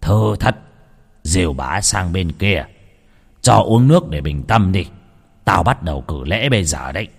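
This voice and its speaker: A man voicing a calm, stern old shaman who gives short commands. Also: low-pitched, unhurried, creaky, long pauses, slightly rough, big-room sound, pitched below the performer's own voice, exaggerated voice.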